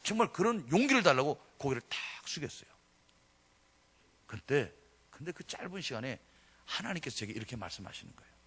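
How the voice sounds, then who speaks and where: A man's voice: medium pitch, a little fast, long pauses, breathy edge. A middle-aged man, a pastor, preaching a sermon as a story and acting out the voices of the people in it. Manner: animated storytelling that acts out quoted voices.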